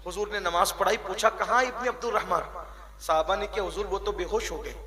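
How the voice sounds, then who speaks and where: High-pitched impassioned male preacher. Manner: emotional storytelling, voicing the story's people, sudden shouts. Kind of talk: sermon at a religious gathering. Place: outdoor gathering.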